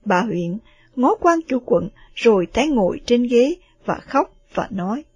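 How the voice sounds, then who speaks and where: A woman narrating a story in a steady, expressive reading. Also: a little high, unhurried, breathy edge, no room sound.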